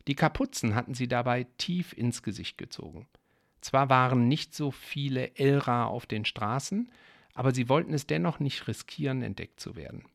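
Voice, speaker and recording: A man reading a listener's story aloud, calm and measured, with relaxed asides to his audience. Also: mid-range voice, vocal fry, dry recording, studio quality. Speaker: story reader.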